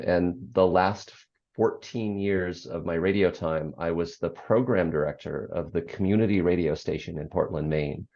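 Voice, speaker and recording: An American man with a low, gravelly bass and a somewhat dark tone speaks reflectively and without hurry, often using ums and restarting his sentences. He is a guest in an interview, an author and former radio program director. The audio is slightly dull and lo-fi.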